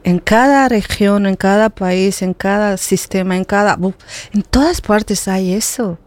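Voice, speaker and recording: A woman's voice: mid-range voice, measured pace, a little mellow, dry recording. A middle-aged woman talking earnestly in a casual conversation, often repeating words as she searches for them. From Bolivia. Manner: earnest, with frequent hesitant repetitions.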